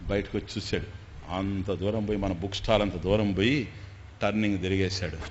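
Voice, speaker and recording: A man's voice: sits low, fairly even intonation, brisk. A man giving a spiritual storytelling discourse, acting out every character as he tells the tale. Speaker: spiritual speaker. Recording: echoey hall, dull sound, faint noise.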